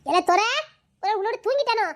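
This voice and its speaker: A woman as a loud, high-pitched village mother. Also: fast talker. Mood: calling, worried. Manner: loud, scolding calls. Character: village mother, shopkeeper, calling out loudly.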